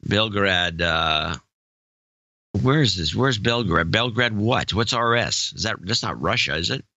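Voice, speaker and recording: A man co-hosting a casual podcast chat haltingly reads a long list of donor names, stumbling over pronunciations and joking between them. His fairly low voice is expressive, bright, and forceful, recorded with no room sound and a muffled quality.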